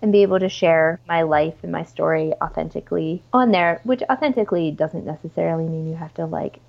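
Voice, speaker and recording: A low-pitched, gravelly woman speaks fairly quickly as a podcast guest, and the recording has its highs cut off. Her tone is informal and enthusiastic in a chatty interview, with plenty of "like" and "you know."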